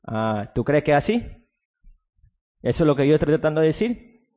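A man preaching a sermon as pastor, switching between a low, hushed delivery and sudden loud outbursts with drawn-out emphasis, sometimes mocking soft-spoken replies. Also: animated, long reverb tail. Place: church.

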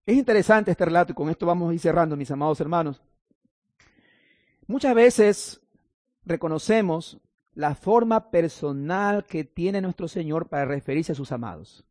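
A man preaches in a fairly high voice, recorded dry and close. He reads scripture passages and then explains them to his congregation. Now and then he drops in playful asides. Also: darkish tone, dry recording. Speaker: pastor. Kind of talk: sermon.

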